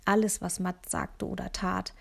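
Gravelly woman reading a children's story. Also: medium pitch, little pitch movement, unhurried. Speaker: audiobook narrator. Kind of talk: first-person children's audiobook narration.

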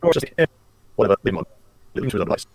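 A man co-hosting a podcast, giving a relaxed, rambling recap of a story with plenty of fillers over an internet call. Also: lowish voice, very fast, no room sound. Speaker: podcast co-host. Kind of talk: casual chat, summarizing a book. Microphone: video call. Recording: lagging internet call audio.

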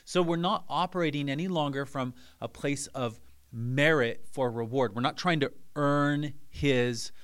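A man's voice: medium pitch, measured pace, fairly bright tone, clean tone. Man, pastor, sermon, earnest, repeats key phrases.

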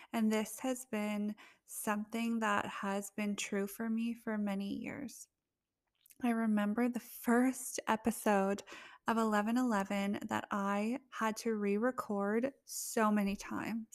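A woman hosting her own podcast, talking to listeners in a gushing, emotional, heartfelt way with soft laughs. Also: mid-range voice, no echo, clean studio sound. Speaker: podcast host. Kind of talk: casual heartfelt monologue.

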